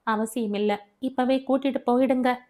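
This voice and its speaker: A woman's voice: on the high side, steady tone, normal speed, a little mellow, natural voice. A woman voicing a hurt young mother who speaks coldly and commandingly. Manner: cold and commanding.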